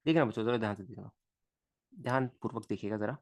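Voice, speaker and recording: A man's voice: on the low side, quick pace, no room sound. A male physics teacher talking through a live online lesson. He chats casually and mutters to himself as he sketches diagrams. The sound is dry and close. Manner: chatty, mutters to himself while drawing.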